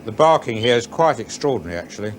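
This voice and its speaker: Measured male investigator explaining. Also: mid-range voice, lively intonation, slight background noise. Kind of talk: explaining recordings on camera.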